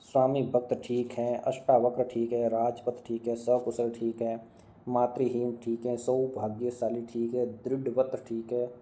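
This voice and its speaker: A man teaching a grammar lesson in a very dark, heavy voice. He keeps a flat, even tone as he runs down word lists, asks a short question and answers it himself. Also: medium pitch. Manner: drilling students with quick questions and answers, repeating words. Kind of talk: online exam-prep lesson.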